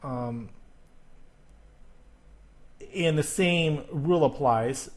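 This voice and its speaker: A man teaching an English grammar and pronunciation lesson. He explains patiently, step by step, checks in often with "okay?" and repeats example words slowly. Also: a little high.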